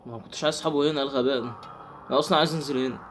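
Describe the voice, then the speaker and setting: A man's voice: mid-range voice, steady tone, very fast, slight background noise. A young man with an Egyptian accent, commentating a horror game he is playing, talking to himself and yelping when startled. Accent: Egyptian Arabic. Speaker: gaming channel host.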